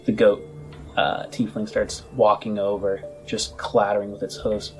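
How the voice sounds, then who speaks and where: A man with a low-pitched voice serves as game master for a tabletop roleplaying game, narrating very slowly and descriptively. He leaves dramatic pauses and keeps his pitch fairly flat, with soft music playing behind him.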